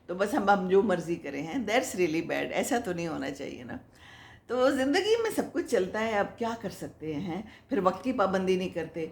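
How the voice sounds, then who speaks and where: A woman's voice: on the low side, darkish tone. An older woman hosting a casual advice talk, answering viewer comments in a chatty, motherly, moralizing way and laughing often. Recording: echoey room.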